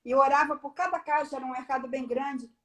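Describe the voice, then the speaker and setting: High-voiced woman giving a testimony. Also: fast talker. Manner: animated storyteller, acts out the dialogue. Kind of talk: personal testimony on a live stream.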